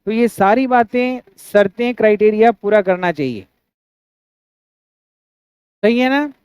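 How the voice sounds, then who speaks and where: A man's voice: high-pitched, measured pace, darkish tone, clean tone, dry recording. A man with an Indian accent teaching an English grammar class, often asking students to confirm they follow and breaking words into syllables. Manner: asks students frequent checking questions. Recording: dry, dull lo-fi sound.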